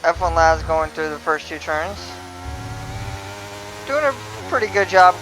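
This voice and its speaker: A man's voice: on the high side, lively intonation, measured pace, noisy background. A man co-commentating a live sim race, laid-back and teasing his partner.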